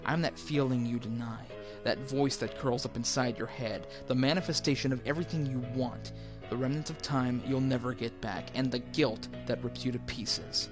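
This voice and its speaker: A man voicing a sinister, seductive male apparition who smokes and taunts in a slow, purring, mocking way, over faint music. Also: mid-range voice, lightly acted. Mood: menacing. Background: faint background music.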